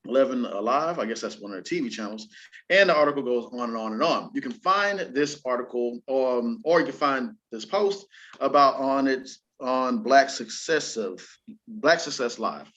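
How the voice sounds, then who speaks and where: A man hosting a casual entertainment chat show talks informally and exclamatorily with plenty of slang, sometimes reading items aloud. His mid-range voice has lively intonation, a moderate pace and a somewhat bright quality, though the recording is dull and lo-fi.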